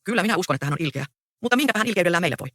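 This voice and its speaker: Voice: medium pitch, expressive, sharp tone, no room sound, studio quality. A reader voicing a proud young farmhand. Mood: reassuring. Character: young peasant man, proud and easygoing.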